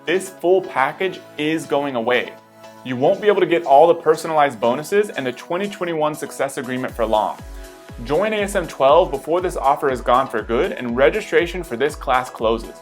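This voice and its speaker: A man delivering a scripted, urgent sales pitch as a promotional voice-over. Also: expressive, normal speed, soft background music.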